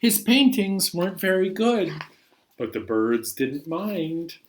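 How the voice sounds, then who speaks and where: Slight background noise accompanies a high-pitched man whose voice swings widely as he takes things slowly. He's a librarian hosting storytime, reading and singing to young children with playful, expressive animation and sudden bursts of emphasis.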